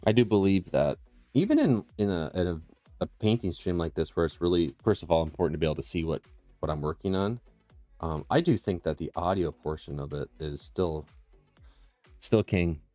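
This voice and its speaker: Low-voiced and animated, this livestream host speaks at a normal speed with a warm tone, explaining his digital painting to viewers in a casual, rambling way and frequently interrupting himself. The dry recording from a close, processed condenser mic carries soft background music in a small room with tile floors.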